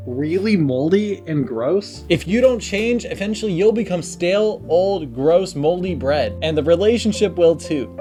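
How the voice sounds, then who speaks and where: A man's voice: a little high, darkish tone. A man giving an earnest film critique commentary, with sarcastic asides. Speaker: video essayist.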